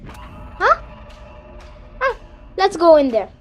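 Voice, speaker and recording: A woman's voice: very high-pitched, sing-song, drawn-out words, faint music behind, full character voice. A woman playing a dim, carefree, greedy little boy in a comic fairy-tale stage play.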